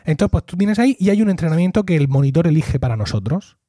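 A man's voice: on the high side, big pitch swings, fast talker, mellow, no echo, studio quality. A middle-aged man hosting a podcast, chatting casually and acting out quoted dialogue as he tells a story. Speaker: podcast host. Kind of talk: casual chat.

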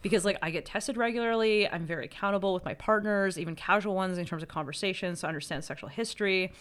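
A woman's voice: mid-range voice, fast talker, clean tone. A young woman co-hosting a podcast, telling a personal story in casual, profane chat and acting out the people in it. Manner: animated, profane, acts out voices in her stories. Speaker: podcast co-host.

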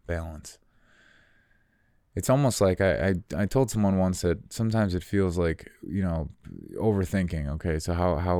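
A young American man talking in an unscripted, reflective monologue, rambling and halting as he repeats his words. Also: low voice, a little mellow, smooth, no echo, studio quality.

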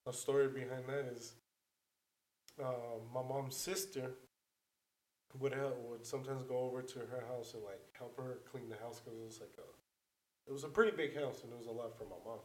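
A man's voice: mid-range voice, steady tone, moderate pace. Rambling man telling a story, roomy echo. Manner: loose, rambling storytelling full of "like" and swearing. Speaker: storyteller on a podcast. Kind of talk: casual chat.

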